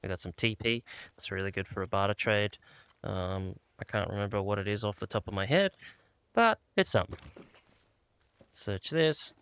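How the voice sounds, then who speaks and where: A man gives relaxed gameplay commentary, muttering to himself as he loots. His low voice has a gravelly rasp to it. The sound is dry and close, with no room around it. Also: moderate pace, long pauses, no room sound. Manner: laid-back, talks to himself while looting. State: out of breath at times. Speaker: gaming channel host.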